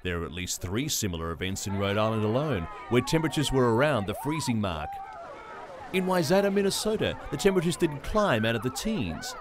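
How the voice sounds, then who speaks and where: A man narrating a scripted news feature in a wry, lively storytelling manner. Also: medium pitch, a little fast. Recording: voice-over over music and crowd sound. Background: music and crowd noise.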